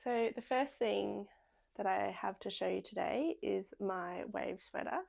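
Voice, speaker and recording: A young woman talks her way through a relaxed podcast chat. Her voice has a gravelly, fry-laden edge, and she wanders along with frequent ums and self-corrections. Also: mid-range voice, measured pace. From Australia. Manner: chatty, rambling, many ums. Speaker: podcast host. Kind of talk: casual chat.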